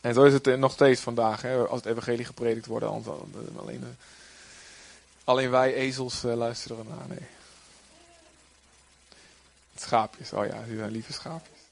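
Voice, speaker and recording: A man preaching a sermon in a lively way, sometimes acting out quoted figures in a raised voice. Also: medium pitch, normal speed, gravelly, pauses often.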